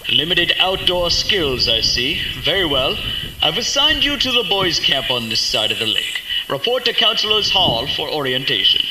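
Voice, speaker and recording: A woman's voice: low voice, sing-song, normal speed. A woman acting a curt, dryly dismissive camp registrar in a comic audio drama. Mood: brisk, dismissive. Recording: loud background noise.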